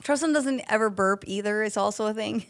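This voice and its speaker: A woman's voice: mid-range voice, fairly quick. A woman in her thirties, a pastor co-hosting a casual podcast, teasing her co-host and laughing often. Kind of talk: casual chat.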